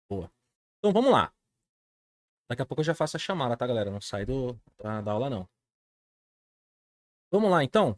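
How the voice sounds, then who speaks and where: Lively Brazilian male English teacher. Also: medium pitch, no echo, clean studio sound. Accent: Brazilian Portuguese. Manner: informal, checks in often with tag questions. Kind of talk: live online class lecture.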